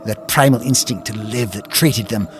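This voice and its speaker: A man playing a defiant, eccentric alien time traveller in a sci-fi audio drama, speaking in theatrical, expressive speeches. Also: fairly low pitch, normal speed, lightly acted. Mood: grave. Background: music.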